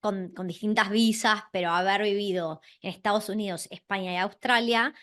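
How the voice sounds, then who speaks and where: A woman, hosting an interview and asking questions in a lively way. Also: mid-range voice, normal speed. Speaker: podcast host.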